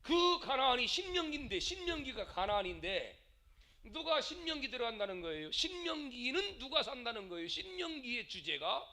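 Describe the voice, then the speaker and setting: Middle-aged male preacher, theatrical and expressive, high voice with wide swings in pitch. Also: moderate pace. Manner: dramatic, acts out quarrels and switches between loud and quiet. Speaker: pastor. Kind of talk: sermon.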